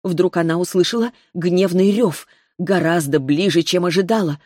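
A woman with a lowish voice narrates a fantasy audiobook. She reads at a steady, measured pace. The recording is dry and close, with no room sound. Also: no echo.

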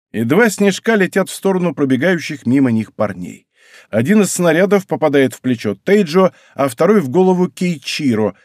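A man reading a story aloud as narrator, with an expressive reading style. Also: mid-range voice, no echo, clean studio sound. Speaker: audiobook narrator. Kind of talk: scripted narration.

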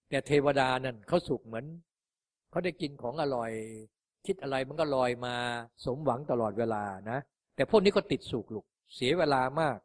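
A man teaching as a Buddhist meditation master, speaking gently and like a father to his listeners. He tends to close his phrases with soft little particles as he answers questions in a dharma talk. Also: mid-range voice.

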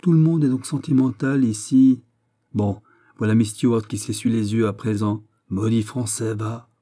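A man's voice: lowish voice, steady tone, normal speed, dark tone, close to an everyday voice. A man reading aloud, voicing a stern middle-aged king with a commanding, raised voice.

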